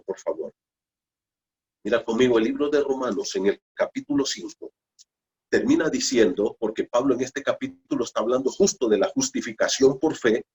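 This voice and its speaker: A man preaching a Bible study sermon, emphatic, repeating phrases and asking rhetorical questions. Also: mid-range voice. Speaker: pastor.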